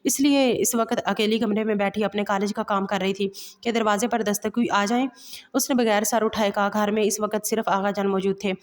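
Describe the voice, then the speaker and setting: A woman reads a romantic novel aloud in an even, level tone, keeping the same pace through narration and dialogue. She slips and restarts now and then. Her voice carries a long reverb, as if recorded in a large hall. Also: mid-range voice, fairly quick. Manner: even, steady reading with occasional slips and restarts. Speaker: storyteller.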